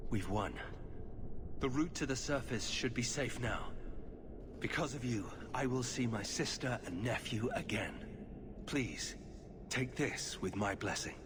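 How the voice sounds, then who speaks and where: An actor playing a grave, guarded warrior of a fantasy order in a video game, speaking in a solemn, measured way. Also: male voice, on the low side, natural voice. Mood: solemn, resolute. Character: grave, guarded male Grey Warden warrior. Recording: clear background ambience noise.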